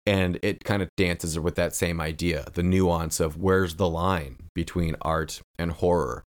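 A man's voice: low voice, steady tone, measured pace. A man co-hosting a podcast, talking through a film in an earnest, thoughtful way and drawing out key phrases. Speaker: podcast co-host. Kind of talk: casual film discussion.

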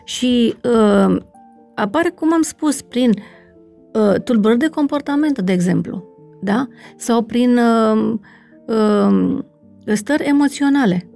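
A woman's voice: a little high, animated, creaky, mellow, soft background music. A middle-aged woman, an interview guest, explaining family constellation work in a conversational way and often checking in with "right?" and fillers.

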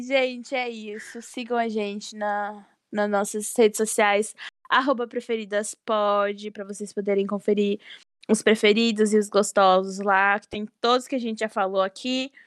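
A woman's voice: medium pitch, takes it slowly, smooth, dry recording, studio quality. A young woman co-hosting a podcast, chatting casually with lots of exclamations. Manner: exclamatory, animated. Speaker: podcast co-host. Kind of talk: casual chat.

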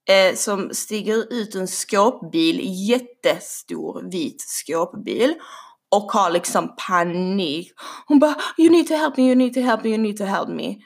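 A young woman telling a story casually, animated and swearing now and then. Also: medium pitch, creaky. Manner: animated, swearing, acts out quotes.

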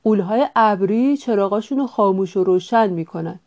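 A woman's voice: mid-range voice, a little mellow, dull audio, close to an everyday voice. A woman voicing a hawk who speaks confidently and reassuringly.

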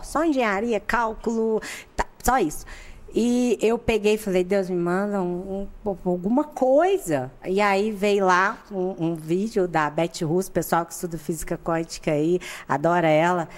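A woman from Brazil, a podcast guest, telling a personal story in candid, informal chat and acting out the people in it. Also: moderate pace. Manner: animated, acts out the people in her story with sudden jumps in pitch; candid and informal, with slang and frequent laughter. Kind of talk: personal storytelling in a casual interview.

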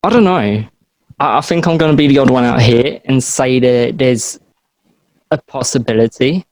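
A young man, chatting on a podcast, excitable and playful, tripping over his words. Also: medium pitch, normal speed, no room sound, rough recording. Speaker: podcast co-host. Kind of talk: casual chat.

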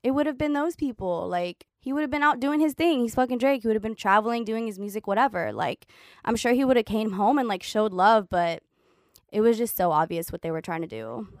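A woman's voice: fairly high pitch, brisk, no room sound, clean studio sound. Profane, chatty woman telling a story. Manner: profane, animated, heavy use of "like". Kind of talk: casual storytelling chat.

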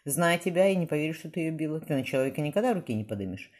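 A woman's voice: sits low, animated, rapid-fire, a little mellow, voice pushed up. A woman reading the part of a blunt, worried middle-aged mother who questions and grumbles at her daughter. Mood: grumbling. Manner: gruff, probing, grumbling.

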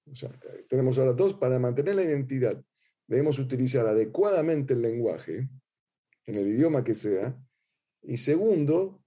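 A middle-aged rabbi with an Argentine accent gives a religious lecture in a sing-song, teacherly manner. His voice is very dark and somewhat husky. He often repeats a word or two while searching for the next phrase. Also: mid-range voice. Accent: Argentine Spanish.

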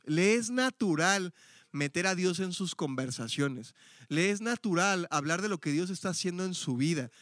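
A man's voice: high voice, fairly bright tone, no room sound, studio quality. A middle-aged man from Mexico City with a Mexico City Spanish accent, giving a chatty, explanatory church teaching with frequent fillers and self-corrections. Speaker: Bible teacher.

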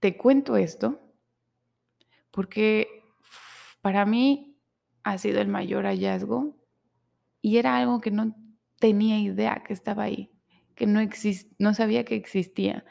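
A woman's voice: medium pitch, vocal fry, mellow. A young adult woman, hosting a podcast and telling a personal story in a candid, emotional way. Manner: candid, emotional storytelling with self-quoted inner speech. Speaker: podcast host. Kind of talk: personal confessional monologue.

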